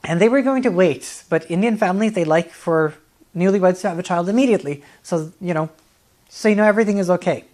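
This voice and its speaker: A man, answering interview questions in a friendly, relaxed way, often laughing and pausing with fillers. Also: high-pitched. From Norway. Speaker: guest, dance artist.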